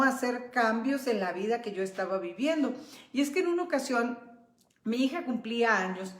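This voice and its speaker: Animated woman telling a personal story. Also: fairly high pitch, reverberant. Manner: animated, acts out quoted voices of herself and her daughter. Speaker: host.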